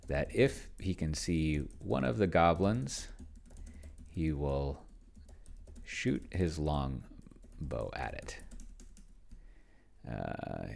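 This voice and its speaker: With a rumbling low, creaky voice, a man thinks aloud while running a solo tabletop roleplaying session. He muses casually and haltingly, often abandoning thoughts midway.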